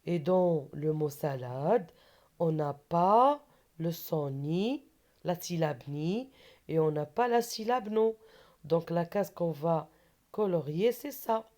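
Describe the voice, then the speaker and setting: A woman's voice: fairly low pitch, animated, slow, warm tone. A woman teacher giving a patient reading lesson for children, repeating syllables and words and asking questions that she answers herself.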